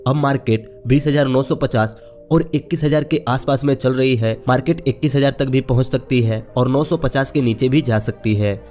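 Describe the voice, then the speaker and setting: A man's voice: mid-range voice, moderate pace, dark tone, faint music behind. A man teaching beginners step by step in a patient, explanatory tutorial style. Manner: patient, explanatory, says "dekhiye" often. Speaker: trading teacher. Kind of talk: screen-share tutorial.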